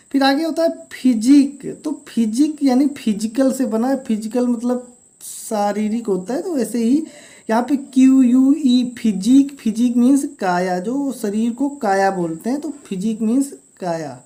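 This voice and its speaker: A woman's voice: fairly high pitch, dark tone. Woman teaching English words. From India. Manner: spells words letter by letter, then explains them slowly. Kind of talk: classroom vocabulary lesson.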